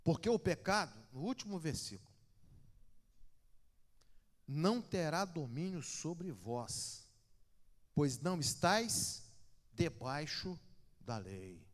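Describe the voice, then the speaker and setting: A man from Brazil preaching a sermon in a church, telling stories with lively swings between loud and hushed. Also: fairly high pitch, takes it slowly, long pauses. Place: church sanctuary. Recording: long church reverb.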